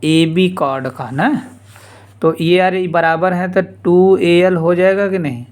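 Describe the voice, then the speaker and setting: A man teaching a geometry lesson informally, repeating steps slowly and dropping casual asides. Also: sits high, fairly even intonation, a little mellow. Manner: slow, repetitive explaining with casual asides. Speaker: math teacher.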